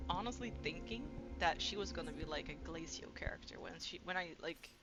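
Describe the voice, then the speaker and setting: Excitable woman streamer over game music. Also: on the low side, a little fast. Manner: gushing, excitable, filler-heavy. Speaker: streamer, host. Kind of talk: livestream interview chat.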